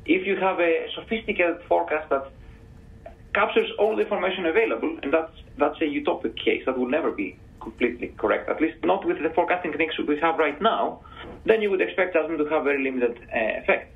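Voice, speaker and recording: A man on a panel explaining his answers to audience questions in a measured, careful way. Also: fairly high pitch, creaky. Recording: tinny phone-like sound.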